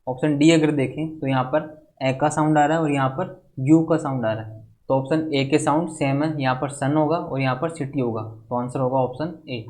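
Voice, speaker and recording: A man with an Indian accent giving an exam-prep phonetics lesson, reading English questions out slowly and then explaining them step by step. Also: fairly high pitch, a little mellow. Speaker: teacher.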